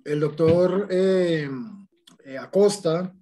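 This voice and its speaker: A man with a somewhat high voice chats casually before class. He relays campus news in a chatty way. The talk is informal and loose. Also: extremely slow, mellow. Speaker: law student.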